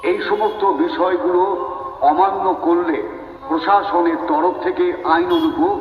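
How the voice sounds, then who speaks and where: A man's voice: high-pitched, fairly even intonation, faint music behind. Male public announcer, West Bengal Bengali accent, formal megaphone delivery, distant with long reverb. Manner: loud, deliberate public-address delivery, as through a megaphone. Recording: muffled, distant loudspeaker with echoing reverb.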